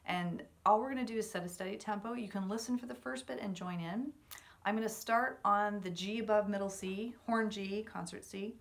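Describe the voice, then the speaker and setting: A woman in her thirties speaks at a medium pitch as a music teacher. She explains a practice exercise step by step in a casual, encouraging way. She is indoors at home, talking to a camera a short distance away. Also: fairly quick, creaky. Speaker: horn teacher. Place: medium-sized living room at home, indoors. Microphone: camera or laptop mic about a metre away.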